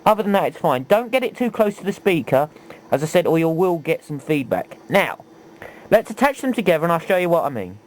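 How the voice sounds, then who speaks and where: In a homemade video tutorial, a man with a fairly high voice talks very animatedly and a little fast, demonstrating his hobby hands-on and tossing out rhetorical questions. The low-quality audio carries faint background noise.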